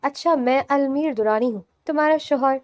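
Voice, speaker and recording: A woman voicing a calm, amused young husband in an audio novel, teasing his bride with unhurried replies. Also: sits high, dry recording, studio quality, close to an everyday voice.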